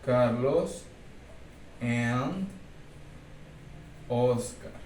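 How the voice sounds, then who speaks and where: Patient teacher in a roomy classroom. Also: male voice, mid-range voice, expressive, drawn-out words, a little mellow. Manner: explains step by step, checks in with "¿sí?". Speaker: English teacher. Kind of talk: recorded class lesson. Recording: roomy, distant mic, faint background noise.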